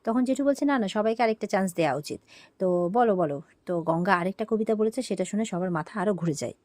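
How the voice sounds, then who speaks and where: A woman's voice: mid-range voice, animated, fast talker, a little mellow, no echo. A woman retelling a TV serial episode, quoting each character and briefly acting out their lines. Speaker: serial recap narrator.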